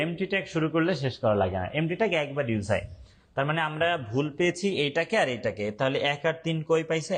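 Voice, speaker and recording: A young man teaching an online class, speaking slowly and deliberately, repeating points and quizzing his students. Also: mid-range voice.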